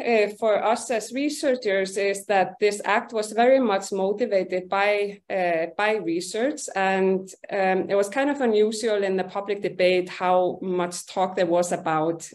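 A woman's voice: medium pitch, a little mellow. Middle-aged woman giving a research talk on a video call, lots of ums and restarts. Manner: measured, explanatory, frequent ums and repeated words. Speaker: university researcher presenting. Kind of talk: online conference presentation. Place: home or office room on video call. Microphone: video call webcam.

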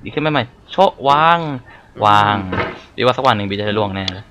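A young man commenting on his own gameplay, excitable, yelping and exclaiming and talking to himself as he plays. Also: on the low side, brisk, noisy background. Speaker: gaming YouTuber. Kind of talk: let's play commentary. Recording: music playing behind the voice. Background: game music.

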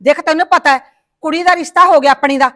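A woman's voice: steady tone, fairly bright tone. A middle-aged woman playing a nagging village mother and wife who scolds her husband and frets over her daughter's wedding. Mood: scolding. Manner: scolding, rapid and shrill.

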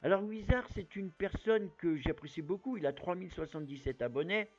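A man chatting casually as a YouTuber, rambling with plenty of fillers while giving shout-outs. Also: high-pitched, brisk, lo-fi sound. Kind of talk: casual chat.

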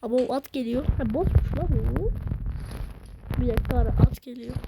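A woman giving excitable, slangy gameplay commentary, swearing now and then. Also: on the high side, normal speed, very noisy. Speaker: gaming video host.

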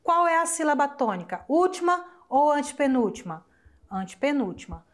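Young adult Brazilian woman, school teacher on recorded lesson, chatty and warm toward students, slow word-by-word drills. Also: sits high, animated. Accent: Brazilian Portuguese. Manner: affectionate, chatty, asks rhetorical questions and answers them; spells out words slowly syllable by syllable. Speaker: Spanish teacher. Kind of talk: recorded online class explanation.

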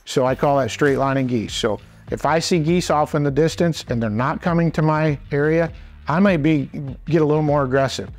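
A man in his forties, an instructor and presenter, gives an informal, plain-spoken how-to talk to camera in a folksy manner. His voice is fairly high and a little fast, with soft music behind it. He's in a small wooden workshop indoors.

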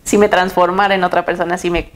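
A young woman with a Mexican accent, a runner in a casual interview, telling her races in a lively way and laughing often. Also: on the low side, fast. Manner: lively storytelling, quotes her own thoughts, laughs often.

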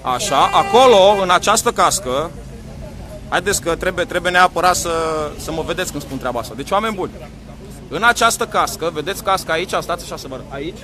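A man's voice: high voice, animated, a crowd in the background. A man doing a live outdoor commentary to his viewers, emphatic and questioning them often. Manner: emphatic, addresses viewers directly with repeated questions. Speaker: livestreaming activist vlogger. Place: outdoors by a courthouse.

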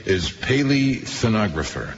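A man's voice: fairly low pitch, big pitch swings, a little slow, a little hiss or hum. An American man hosting music radio with joking, ad-libbed patter. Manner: wry, joking. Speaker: radio DJ, host. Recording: dull lo-fi FM radio broadcast.

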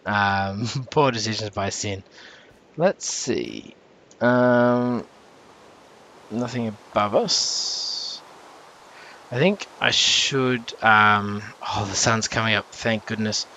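A man's voice: lowish voice, fairly even intonation, slow, sharp tone, a little hiss or hum. A young man hosting casual gameplay commentary. He rambles with lots of fillers and self-corrections, and breaks into jumpy reactions when danger appears. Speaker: channel host.

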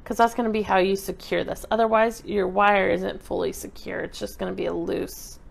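A woman talks through a step-by-step craft tutorial in an easy, chatty way as she works. Her voice sits at a middle pitch and has a gravelly edge. She sounds like she is at a table indoors. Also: normal speed. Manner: relaxed, chatty explaining while working with her hands. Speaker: craft instructor.

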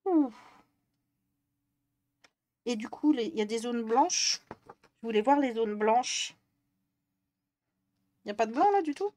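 A woman's voice: on the high side, animated, unhurried, pauses often, warm tone, no echo. A young woman from northern France, live-streaming and chatting with viewers, exasperated and swearing often. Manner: exasperated, swears a lot, talks to chat. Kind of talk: live-stream chat while coloring.

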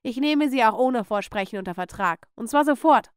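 Bossy director barking decisions; a woman does him, high and crisp. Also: animated, moderate pace, no echo, clean studio sound, lightly acted. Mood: commanding. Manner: commanding, emphatic. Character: loud decisive male film director.

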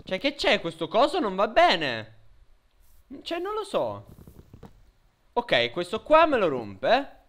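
A man giving excitable let's play commentary, swinging between loud shouts and low grumbling. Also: takes it slowly, long pauses. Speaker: gamer.

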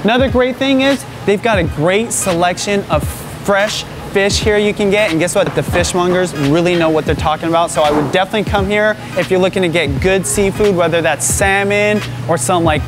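A man's voice: sits high, brisk, music in the background. A man in his thirties hosting an enthusiastic grocery store tour vlog, talking straight to camera on a lapel mic. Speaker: vlog host. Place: indoor supermarket aisles, some shots outside.

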